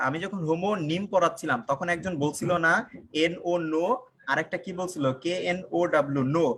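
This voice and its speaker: Young male online tutor, slightly high voice, quizzes viewers and repeats himself. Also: a bit bright. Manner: asks the class questions and answers them himself, repeats key lines. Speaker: online English teacher. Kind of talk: live online class, teaching and joking.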